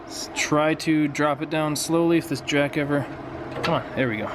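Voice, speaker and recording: Frat-bro man, higher-pitched voice, garage vlog. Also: steady tone, moderate pace, slight background noise. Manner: frat-bro slang and easy swearing, dude-like. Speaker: host of a car project vlog. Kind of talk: casual garage vlog talk. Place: garage workshop, indoors. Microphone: handheld camera at arm's length.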